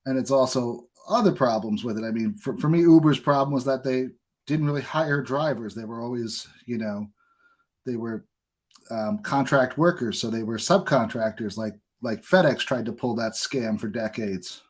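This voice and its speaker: In a mid-range voice at a moderate pace, an American man hosts a podcast, chatting informally with his guest and giving his own take on things in a relaxed interview style.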